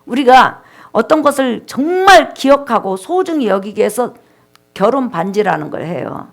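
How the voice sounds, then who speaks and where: Animated woman pastor preaching. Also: on the high side, normal speed. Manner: addresses the congregation directly and leads call-and-response; storytelling, reenacting people's words. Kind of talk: sermon.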